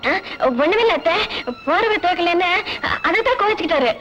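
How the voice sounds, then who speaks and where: Young anxious wife, high pleading voice, echoey dull old film audio. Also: female voice, animated, a little fast, loud music behind the voice. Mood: nervous. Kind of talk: 1980s film acting.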